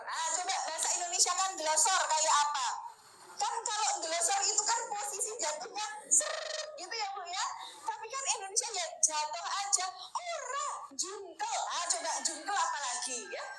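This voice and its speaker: A Javanese woman in her thirties giving an Islamic study lecture to women, chatty and often asking her listeners for agreement. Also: very high-pitched. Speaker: religious teacher. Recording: echoey room with clear noise.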